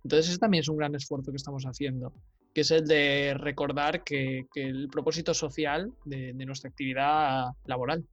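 Relaxed man, podcast co-host. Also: on the high side, normal speed, dry recording, soft background music. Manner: relaxed, jokey asides. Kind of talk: casual podcast chat.

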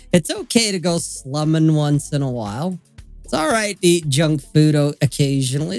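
A man's voice: fairly high pitch, darkish tone, no room sound. A man hosting a live stream, casual and profane, laying out his point in a lecturing way.

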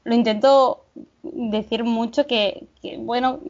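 A woman's voice: fairly high pitch, fairly even intonation, slow, darkish tone. A woman hosting an interview, enthusiastic and a little hesitant, often repeating words. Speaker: interview host. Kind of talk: conversational interview. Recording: dull lo-fi sound.

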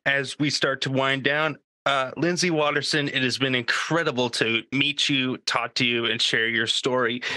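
A man's voice: mid-range voice, bright, forceful tone, no echo. A man hosting a podcast interview, enthusiastic and friendly as he responds to his guest. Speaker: podcast host. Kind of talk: casual interview chat.

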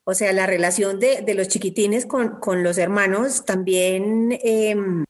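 A woman host, asking questions in a casual interview and often pausing and restarting mid-sentence. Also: medium pitch. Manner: hesitant, many fillers and restarts.

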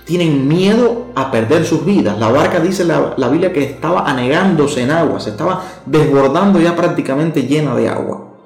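A male preacher gives a short sermon in a conversational tone, speaking directly to the listener and asking them questions. His voice sits a little high for a man. The room is echoey, with soft instrumental music playing underneath. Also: expressive, moderate pace.

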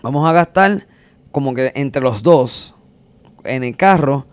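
Animated man telling a story. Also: medium pitch, slow, clear, resonant tone, dry recording. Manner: animated, acts out scenes with sound effects. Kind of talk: casual storytelling chat.

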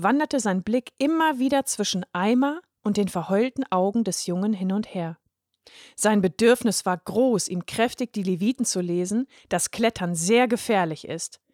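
A woman's voice: mid-range voice, darkish tone, dry recording, studio quality. Woman reading a children's story. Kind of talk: scripted storybook narration.

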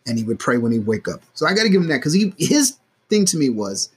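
A man's voice: medium pitch, fast, slightly rough. A man co-hosting a podcast, telling stories in casual chat, swearing freely and acting out quotes. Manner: animated storyteller, swears freely, acts out quotes. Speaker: podcast co-host.

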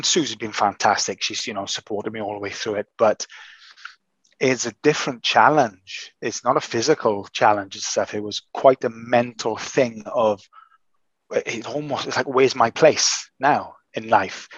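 A man's voice: mid-range voice, a bit bright, slightly rough, no room sound. Hesitant man, dull dry sound. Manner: hesitant, halting with many restarts. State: recovering from illness, voice changed. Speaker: podcast host. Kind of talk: casual chat.

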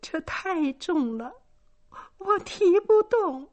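A woman's voice: very high-pitched, expressive, slow pace, darkish tone, voice pushed up, heavily acted. A woman voicing a timid young farm girl who whimpers and stammers through tears. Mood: sobbing. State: crying.

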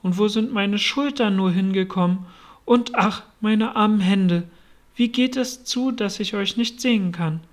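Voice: mid-range voice, measured pace, lightly acted. A reader voicing a polite, bewildered little girl in a storybook. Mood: wondering. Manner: earnest and bewildered. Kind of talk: storybook reading.

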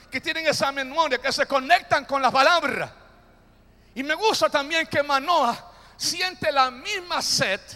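High-pitched man preaching in a reverberant hall. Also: bright, forceful tone. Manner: call-and-response, drawn-out emphatic phrases, playful asides. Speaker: pastor. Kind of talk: sermon. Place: church.

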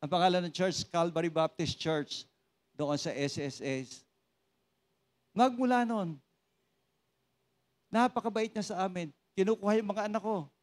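A man's voice: sits high, unhurried, long pauses. A man preaching a sermon and telling his own testimony, joking with the congregation and switching between Tagalog and English. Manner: animated, joking with the congregation, asks for raised hands.

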